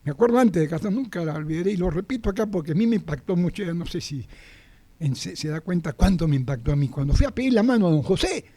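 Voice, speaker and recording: A man preaching a sermon as pastor, animated, repeating phrases for emphasis and putting questions to the congregation. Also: high-pitched.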